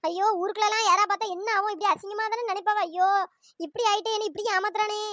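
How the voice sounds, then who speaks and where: A performer voicing a furious jealous wife in a cartoon, scolding and name-calling, with a pitch-shifted voice. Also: fairly even intonation, fast talker, bright, forceful tone, no echo, clean studio sound. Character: furious jealous wife chasing her cheating husband. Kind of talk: cartoon comedy voice acting.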